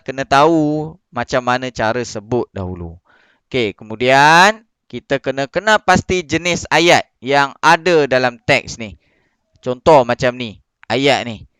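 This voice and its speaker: A Malaysian man teaching young pupils over a video call, patient and questioning, reading slowly. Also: fairly high pitch, a bit bright, smooth, no room sound. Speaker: primary school teacher. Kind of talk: online class lesson.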